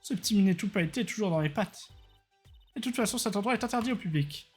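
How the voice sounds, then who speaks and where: A prickly young female forensic detective from a courtroom video game, voiced by a streamer. She sounds higher than the reader's own voice and speaks in curt, irritated bursts. Faint music sits in the background. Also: animated, fast talker, a little mellow, breathy edge. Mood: annoyed.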